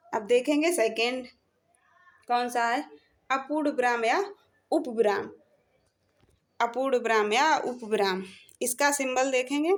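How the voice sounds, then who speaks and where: A woman with a high voice explains a grammar lesson. She goes step by step, repeating each point and pausing to check in with her students. Her speech mixes in terms along the way. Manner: slow, repeats points, says "theek hai" often. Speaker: Hindi grammar teacher.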